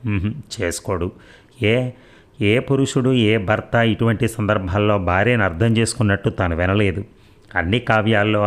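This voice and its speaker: A man narrating a short story in a slow, deliberate reading voice with dramatic pauses. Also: fairly low pitch.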